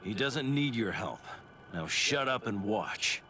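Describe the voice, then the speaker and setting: A man's voice: on the low side, expressive, slow, a crowd in the background. An actor playing a brash, violent young male warrior spirit in a game cutscene, cocky and bossy.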